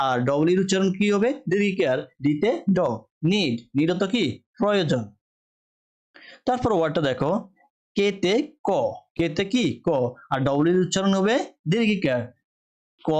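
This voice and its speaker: A man teaches English word sounds. He poses each question and answers it himself, spelling letters out and repeating words in a patient classroom rhythm. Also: sits high. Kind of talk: spelling-and-pronunciation lesson.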